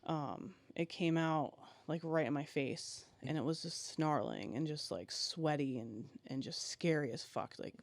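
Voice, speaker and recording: A man guest on a podcast, telling a personal story haltingly and with emotion, full of fillers and restarts. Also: on the high side, no room sound.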